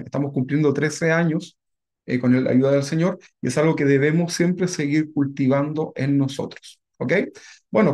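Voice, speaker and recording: A man teaching a Bible class to his congregation as pastor, talking to them casually and often checking in with a quick question. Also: mid-range voice, vocal fry, darkish tone. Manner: conversational, keeps asking the congregation "¿verdad?".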